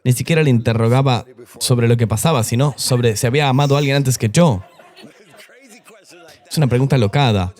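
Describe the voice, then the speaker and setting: A man's voice: mid-range voice, fairly quick, long pauses, darkish tone. A middle-aged man, a pastor, telling his personal testimony in an earnest, confessional way during an interview.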